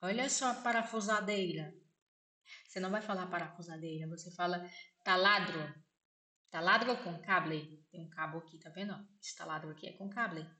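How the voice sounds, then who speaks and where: A Brazilian woman with a Brazilian Portuguese accent gives a casual spoken lesson, slowly repeating words and often checking with "né?". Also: on the low side, sharp tone. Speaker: vlogger teaching vocabulary. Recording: echoey room.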